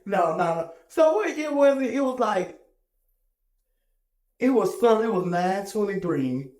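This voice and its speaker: A man's voice: high-pitched, expressive, a little slow, darkish tone. A man hosting a casual interview chat, playful and joking as he asks questions. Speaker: interview host. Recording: echoey room.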